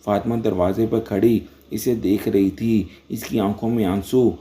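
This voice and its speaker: Low-voiced male story narrator. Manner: steady dramatic reading.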